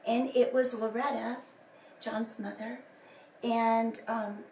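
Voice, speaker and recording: Still regaining her lost voice, this woman sounds hoarse and whispery, talking slowly in a slightly high, darkish voice with fairly even intonation. Her casual personal account to camera rambles, full of fillers and restarts. Captured from afar in an echoey room, the clip carries faint ambience and a little background noise.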